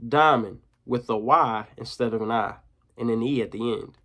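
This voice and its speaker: A man's voice: medium pitch, normal speed, a bit bright, lightly acted. A man reading aloud, voicing a bold, blunt young girl who teases and presses for answers. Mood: sassy. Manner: blunt and teasing. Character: sharp, bossy, confident young girl.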